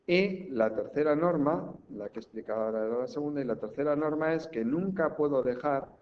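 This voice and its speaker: A man teaching a language lesson. He breaks words into syllables slowly and keeps checking in with the class. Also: on the high side. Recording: slightly dull recording with faint background hiss.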